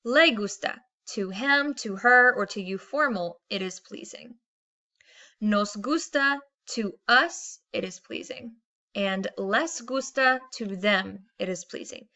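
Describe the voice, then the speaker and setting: A woman's voice: mid-range voice, slow, sharp tone. A woman teacher explaining grammar patiently in a recorded lesson, reading out Spanish examples.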